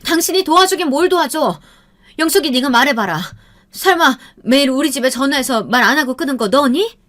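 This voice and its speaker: A woman voicing a furious middle-aged mother who shouts shrill accusations at her husband in an audio story. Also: brisk.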